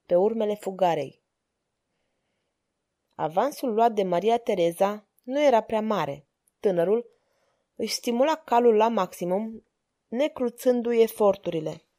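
A woman reading an audiobook as narrator, calm and measured. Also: mid-range voice. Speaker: volunteer audiobook reader.

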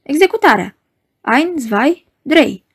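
A bleating, goat-like man's voice mocks and sneers at everyone, as a woman reader puts him on. He sits high and needles every line, a storybook trickster with no respect for anyone. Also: expressive. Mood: commanding. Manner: sneering, mocking. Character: mocking lanky male magician's assistant, bleating.

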